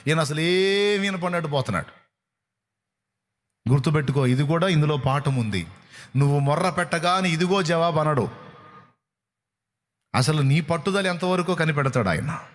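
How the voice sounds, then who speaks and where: Male preacher, fairly high voice, lectures hard and mimics people, recorded in a reverberant hall. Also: expressive, normal speed, pauses often. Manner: scolding, acts out callers and congregants mid-sermon. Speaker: pastor. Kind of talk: sermon.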